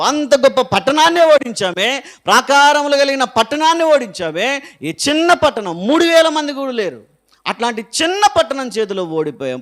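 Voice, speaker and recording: Joshua, a preacher voicing a pleading, grieving leader. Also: male voice, very high-pitched, fairly bright tone. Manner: crying, pleading, rhetorical questions.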